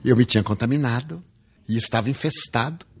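A man's voice: mid-range voice, a little fast, breathy edge. An older man from Brazil with a Brazilian Portuguese accent, giving a spiritual lecture full of personal anecdotes and playful humor, acting out the dialogue. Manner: lively storyteller, acts out dialogue, playful humor.

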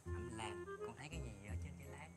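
A man's voice: medium pitch, huge pitch swings, fast talker, loud music behind the voice. A quirky, teasing father. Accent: Southern Vietnamese. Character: quirky father, proud orchid hobbyist.

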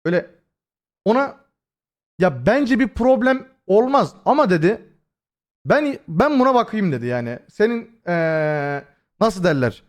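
Speaking slowly and pausing at length, a young streamer uses a high-pitched, very animated voice that has been hoarse lately. He rambles casually to his viewers with many fillers, swears freely, and addresses chat directly.

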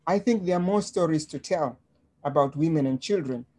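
A woman from Tanzania presenting slides on a webinar in a measured way, with frequent ums, over a video call. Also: low voice, warm tone, husky.

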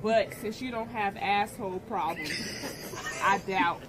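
A young woman groggy from anesthesia, rambling loudly and without inhibition as a patient in casual talk. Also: mid-range voice, measured pace, noisy background. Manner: rambling, loud, uninhibited. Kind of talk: casual talk to nurse and family. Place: hospital room, in a bed. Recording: phone clip with busy voices behind.

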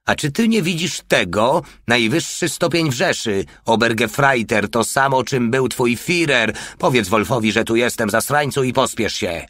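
A man's voice: mid-range voice, moderate pace, few pauses, fairly bright tone, no echo, pitched above the performer's own voice, natural voice. A man voicing a cocky, scheming male soldier who mocks everyone and stays unflappable, in an audiobook. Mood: insolent. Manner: mocking, unflappable.

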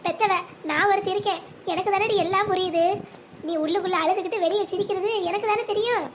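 A devoted cartoon mother, anxious yet tender, coaxing her child with endearments, voiced by a woman. Her voice is very high and brisk. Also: steady tone, slight background noise. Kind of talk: animated family drama voicing.

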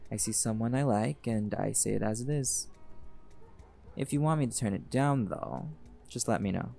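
A man with a lowish, mellow voice and some vocal fry speaks at normal speed. He's an actor in an audio roleplay voicing a laid-back male jaguar shifter who is teasing, blunt, and flirtatious, with music playing behind him.

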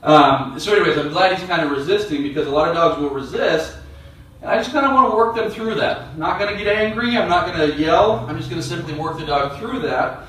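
A man with a fairly high voice gives a calm dog training lesson, explaining each step as he works. The sound is very echoey and taken from a distance, as if the camera sits across a large bare room. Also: a little fast. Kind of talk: instructional demonstration.

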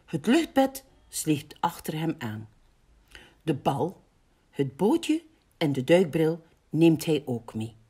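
Woman, library storyteller, slow and lively, breathy, gentle reading. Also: low voice. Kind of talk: reading a picture book aloud.

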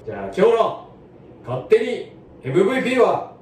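Man, slightly high voice, very echoey room, casual football commentary, excitable host, distant from the mic. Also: normal speed, slight background noise. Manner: excitable, exclaiming at plays. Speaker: host of a football fan channel. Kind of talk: casual match-watching commentary and chat. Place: small indoor room with padded bench seating. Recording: echoey small room, far from mic, faint music.

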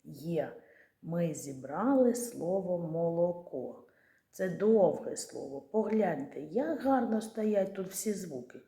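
A woman teaching young children a speech lesson, patient and slow, drawing out and chanting words syllable by syllable. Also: on the low side, lively intonation, gravelly, warm tone, roomy sound.

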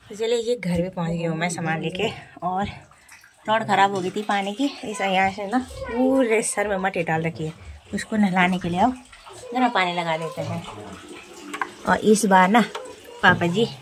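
A woman's voice: medium pitch, normal speed. A young woman in her twenties from Uttarakhand, chatting casually as she narrates her village vlog outdoors on a phone camera held at arm's length. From Uttarakhand, India. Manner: chatty, explains as she cooks and walks. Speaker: village vlogger.

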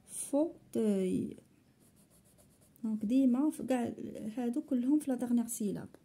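A woman's voice: on the high side, very fast, dark tone, husky. A woman with a Moroccan accent teaching a French phonics lesson to young pupils, explaining in Moroccan Arabic and repeating each word twice. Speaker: primary school teacher.

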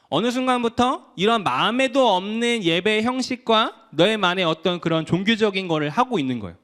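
Young male youth pastor, casual sermon, bright and lively delivery. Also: high-pitched. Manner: conversational, acts out quoted voices of teens.

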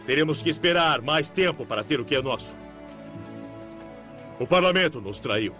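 A man's voice: fairly high pitch, expressive, moderate pace, bright, forceful tone, soft background music. An actor dubbing a stern army general who rallies his troops in a film trailer, speaking in a commanding, grave manner. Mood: rousing.

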